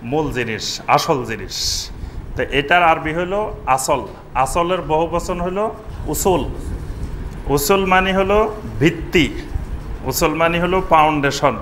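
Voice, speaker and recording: A man's voice: fairly high pitch, a bit bright, slight background noise. A middle-aged man delivers a Friday sermon in a mosque, explaining terms patiently, repeating key words and putting rhetorical questions to the congregation. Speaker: preacher giving a Friday sermon.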